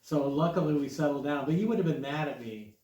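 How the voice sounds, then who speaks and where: A man's voice: a little high, lively intonation, quick pace, mellow. A man co-hosting a casual podcast, asking short questions in a teasing way. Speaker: podcast co-host. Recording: echoey room, distant mic, slight noise.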